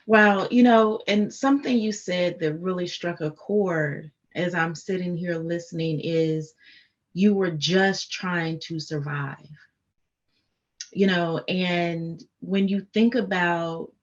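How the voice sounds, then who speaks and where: A woman's voice: lowish voice, slow, lo-fi sound. A woman from the United States hosting a podcast interview, affirming and encouraging her guest. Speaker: podcast host.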